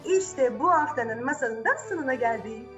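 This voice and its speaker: With a high, fairly bright voice and lively intonation at a moderate pace, a woman who hosts a channel tells children a fairy tale as faint music plays. Her retelling is dramatic and chatty, full of rhetorical questions and suspenseful repetition.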